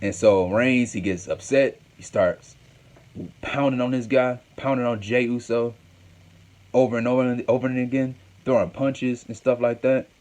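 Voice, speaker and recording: A man's voice: mid-range voice, fairly even intonation, moderate pace, a little mellow. A man hosting a show, recapping a wrestling match in a casual, rambling way and often repeating himself. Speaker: host.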